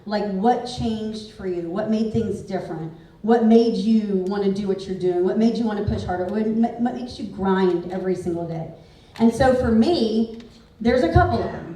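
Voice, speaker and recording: A woman's voice: a little high, warm tone, recorded from a distance. Woman speaking in an echoey hall. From Houston, Texas. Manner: candid, conversational, frequent "like" fillers. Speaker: real estate speaker. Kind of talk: motivational talk. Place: large event hall. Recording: very echoey hall, picked up from afar.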